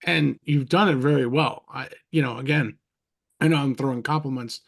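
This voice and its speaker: Over a video call, a male podcast host rambles warmly through a casual interview chat, restarting sentences and showering his guests with compliments. His mid-range voice is gravelly and keeps a moderate pace.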